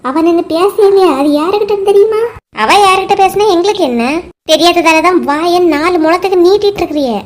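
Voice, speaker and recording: A woman voicing a blunt, sharp-tongued village woman in a cartoon, with a Kanyakumari Tamil accent and blunt, scolding retorts. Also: extremely high pitch, a little fast. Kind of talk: cartoon voice acting.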